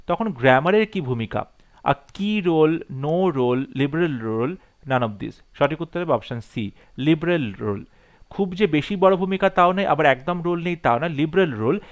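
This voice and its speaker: A man teaching an exam-prep lesson. He reads each multiple-choice question slowly and then explains the answer quickly. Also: on the high side.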